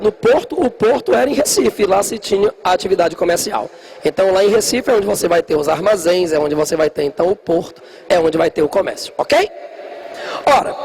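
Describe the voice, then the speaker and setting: High-voiced, joking teacher. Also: male voice, darkish tone, a little hiss or hum, poor audio. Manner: jokey, talks straight to students, acts out little scenes. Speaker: history teacher. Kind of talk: lively classroom lecture. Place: classroom.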